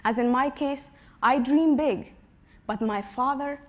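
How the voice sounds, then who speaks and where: A woman's voice: high voice, measured pace. Earnest young woman telling her story. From Afghanistan. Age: 20s. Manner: earnest storytelling, voice drops softly at phrase ends. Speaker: conference speaker. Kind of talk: prepared personal talk.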